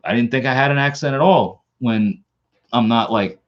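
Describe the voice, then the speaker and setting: A man from Long Island, New York, with the local accent to match, hosts a casual live stream and rambles, restarting often and repeating words. His voice sits in the mid range at a normal speed, and the recording sounds muffled.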